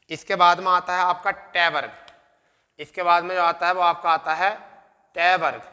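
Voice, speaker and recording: A male teacher with a high, bright, ringing voice drills exam students through a lesson. He asks a question and answers it again and again, and calls the students "beta". The sound carries a long, echoey reverb from the room. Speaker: Hindi grammar teacher.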